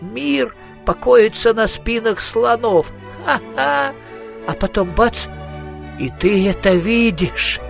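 A jittery male wizard who frets aloud and cracks nervous jokes, his voice pitched up high, as a man puts him on. A storybook figure with soft music faintly behind. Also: big pitch swings, vocal fry, exaggerated voice. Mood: hysterical. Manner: high, fretful, quick to quip.

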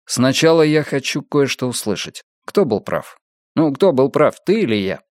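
A man voicing a calm, wry male police detective. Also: mid-range voice, moderate pace, dry recording, clean studio sound, natural voice. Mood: teasing. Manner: calm and teasing.

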